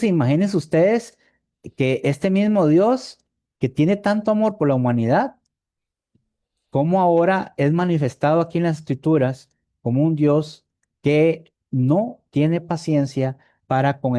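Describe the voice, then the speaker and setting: A Costa Rican evangelist preaches in a chatty, conversational way, tossing questions back to the congregation. His voice sits a little high for a man but has a mellow, warm tone. He repeats words as he gropes for the next phrase. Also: measured pace, no room sound, clean studio sound. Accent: Costa Rican Spanish. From Costa Rica. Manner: conversational, asks the congregation "¿verdad?" often; repeats words while searching for them. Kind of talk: sermon.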